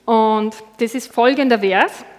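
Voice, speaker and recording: A woman's voice: a little high, a little slow. A woman with an Austrian accent preaching a sermon in a church hall, personal and conversational, often saying "genau".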